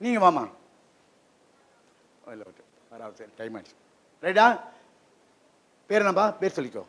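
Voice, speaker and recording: A man giving an interactive lesson to children in a library hall, keeping them engaged with quick questions. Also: high voice. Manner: lively, keeps quizzing the audience with quick questions. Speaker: guest presenter at a children's program.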